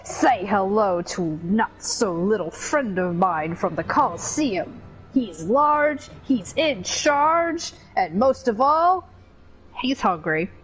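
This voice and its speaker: A woman voicing a gloating, taunting game villain with slow theatrical menace. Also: medium pitch, animated, soft background music, low-quality recording.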